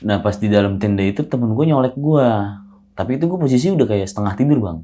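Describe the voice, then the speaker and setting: A young man, telling a hiking story as a podcast guest in a relaxed, slangy way. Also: on the low side, quick pace, a little hiss or hum. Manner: relaxed slangy retelling, often adds "Bang". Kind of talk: casual spoken storytelling.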